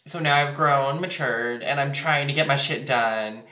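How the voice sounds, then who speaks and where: A man's voice: mid-range voice, moderate pace, pushed and bright. A teenage boy vlogging casually while getting ready, candid and crude, with plenty of fillers. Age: teens. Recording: echoey room.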